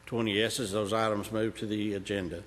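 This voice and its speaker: A man chairing a county committee meeting, briskly calling for motions, seconds and votes. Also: lowish voice, level tone, a bit bright. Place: large county commission room. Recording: reverberant room, faint noise.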